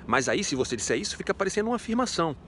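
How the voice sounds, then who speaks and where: A man's voice: a little high, sing-song, racing, a bit bright, a little hiss or hum. A man teaching a casual video lesson in a chatty, playful way, asking himself rhetorical questions. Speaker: French teacher.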